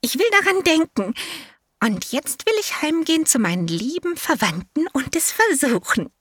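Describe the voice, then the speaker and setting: A squeaky eager elephant calf. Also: female voice, big pitch swings, moderate pace, fairly bright tone, no room sound, studio quality. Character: young curious polite elephant calf.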